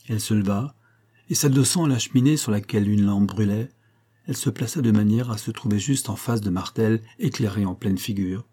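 A man narrating a classic novel chapter in a measured, even way. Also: lowish voice, slightly rough. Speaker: audiobook narrator. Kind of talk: scripted literary narration.

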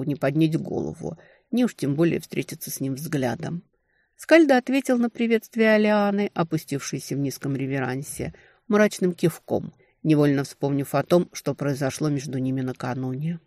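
A woman narrating a romantic fantasy novel in an expressive storytelling manner. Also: sits low, no echo, studio quality. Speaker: audiobook narrator.

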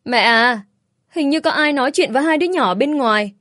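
Woman doing adult woman, calling out loudly, raised pitch, audiobook. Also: lively intonation, a little fast, dry recording, clean studio sound.

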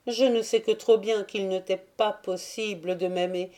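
A grieving young noblewoman lamenting her fate in a soft, mellow, mournful voice, read by a woman. An audiobook performance with a hushed, sorrowful tone. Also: medium pitch, fairly even intonation, moderate pace, close to an everyday voice.

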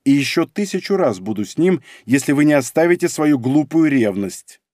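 A man's voice: on the high side, sing-song, moderate pace, darkish tone, dry recording, studio quality. A man voicing a cold, domineering woman spy in an audiobook, icy and mocking in manner. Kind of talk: audiobook character reading.

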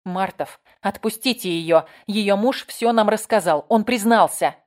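A woman reading an audiobook voices a young policewoman shouting an urgent order. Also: mid-range voice, moderate pace, natural voice. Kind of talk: audiobook character voice.

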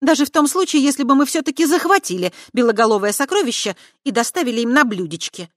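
A reader voicing a sharp-tongued, scornful red-haired young witch girl with a shrill, loud voice. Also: expressive, quick pace, no echo, studio quality. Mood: gloomy. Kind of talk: audiobook character voice.

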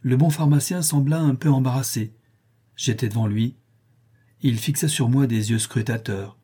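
A man reading a classic novel aloud in a measured, even pace. His voice is dark and mellow with a husky edge. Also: medium pitch. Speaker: audiobook narrator. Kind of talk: scripted narration.

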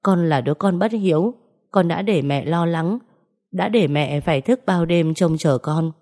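Woman doing a sorry young guy on the run, low mellow voice, pleading, audio story. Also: unhurried. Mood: remorseful. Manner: pleading, contrite. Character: remorseful young man, a fugitive son.

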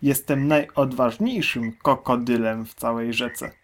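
Man doing the Enormous Crocodile, greedy and loud. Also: medium pitch, fairly even intonation, unhurried, a little hiss or hum, natural voice. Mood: greedy boastful. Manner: gloating, loud. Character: huge greedy boastful male crocodile.

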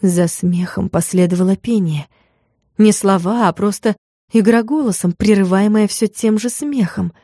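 With a mid-range voice, a woman narrates a story at a steady, measured pace as an audiobook narrator reading a script. The recording is dry and of studio quality.

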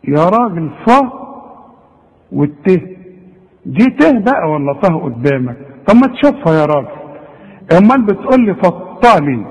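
A man's voice: a little high, big-room sound, poor audio. A man with an Egyptian Arabic accent teaching Quran recitation rules, speaking straight to the student and modelling the right pronunciation. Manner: animated, addresses the student directly and models the correct pronunciation. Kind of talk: Egyptian Arabic tajweed lesson.

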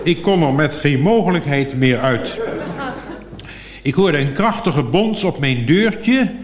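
A man's voice: on the high side, expressive, slow pace. A man telling a comic monologue in a droll, mock-formal way, heard on an echoey, noisy archive recording. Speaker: comic storyteller.

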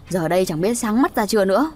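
A woman's voice: medium pitch, expressive, normal speed, darkish tone, lightly acted. Woman narrator doing a sneering onlooker in an audio story. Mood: scornful. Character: gossiping village bystander, scornful.

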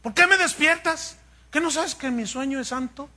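A man's voice: very high voice, moderate pace, bright, forceful tone, pitched above the performer's own voice, full character voice. A man voicing a sleepy, grumpy old male priest who scolds a boy for waking him.

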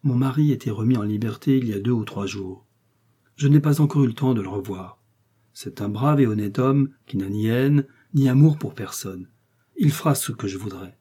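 A man's voice: mid-range voice, normal speed, warm tone, husky, close to an everyday voice. A man reading an audiobook, voicing a loyal, devoted young woman servant in an earnest, reassuring way.

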